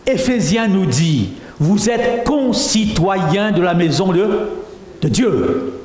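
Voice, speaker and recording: A man's voice: high-pitched, lively intonation, slow, a little mellow. A middle-aged man from Mauritius preaching a testimony sermon, often asking the audience rhetorical questions. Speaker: pastor. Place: church meeting hall. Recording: echoey hall with faint noise.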